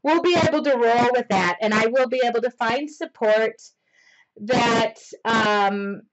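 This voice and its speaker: A woman with a slightly high voice leads a mixed media art lesson over a live stream. She rambles and chats as she paints. Her excitement makes her talk loudly. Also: a little slow, dull audio.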